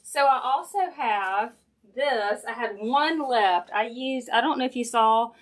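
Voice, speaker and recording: A woman's voice: fairly high pitch, measured pace. Chatty Southern woman crafting on a livestream. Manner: chatty, folksy, addressing viewers directly. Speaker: craft maker hosting a live stream. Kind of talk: casual crafting livestream chat, thinking aloud while working. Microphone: sensitive live-stream camera mic.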